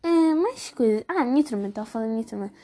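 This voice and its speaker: A woman's voice: on the high side, lively intonation, rapid-fire, dark tone. A teenage girl with a European Portuguese accent, chatting casually and gossiping about her class in a slangy way. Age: teens. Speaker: student vlogger. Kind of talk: casual chat.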